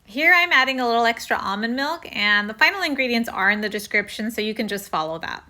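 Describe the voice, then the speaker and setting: A woman's voice: fairly high pitch, expressive, quick pace, pushed and bright. A woman hosting a home cooking video, talking through a recipe step by step in a casual, friendly way.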